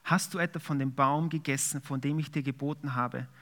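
A man's voice: mid-range voice, steady tone, a little fast, a bit bright. A man preaching a sermon, reading scripture aloud and then explaining it in a conversational way with fillers. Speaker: pastor.

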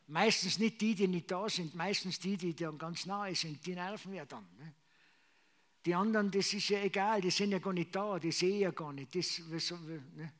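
High-voiced man preaching. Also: normal speed, a bit bright. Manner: conversational, frequent fillers and restarts. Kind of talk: sermon testimony.

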